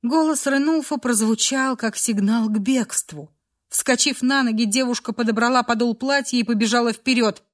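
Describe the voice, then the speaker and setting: A woman narrating a dark fantasy story aloud in an emotive storytelling style. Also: fairly high pitch, moderate pace. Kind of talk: dramatic audiobook narration.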